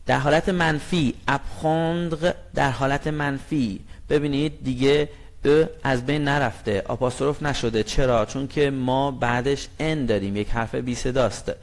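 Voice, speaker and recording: A man teaching a language lesson, explaining grammar in a friendly way and reading example sentences very slowly and clearly. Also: medium pitch, fairly even intonation. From Iran.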